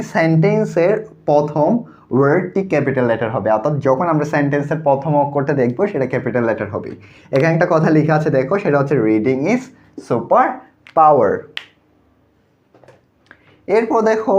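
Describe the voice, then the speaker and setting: A man's voice: mid-range voice, a little mellow, muffled recording. A man teaching an English grammar class in Bengali with a Bangladeshi accent, explaining step by step and asking and answering his own questions. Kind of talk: online class lesson.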